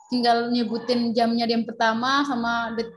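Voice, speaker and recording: A woman's voice: a little high, completely flat delivery, normal speed. A woman in casual chat, giving short agreeing replies and asking curious questions. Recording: echoey room with faint hiss.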